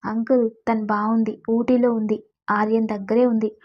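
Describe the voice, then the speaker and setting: A woman voicing a calm, reassuring young man in a storybook drama, on a dull lo-fi recording. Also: a little high, normal speed, natural voice.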